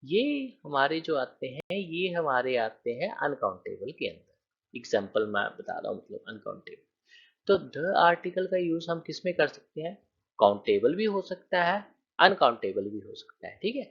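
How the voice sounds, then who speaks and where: A man's voice: on the high side, very animated, moderate pace, gravelly, breathy edge, dull audio. A man teaching a grammar lecture, explaining with counted examples and often checking that students follow.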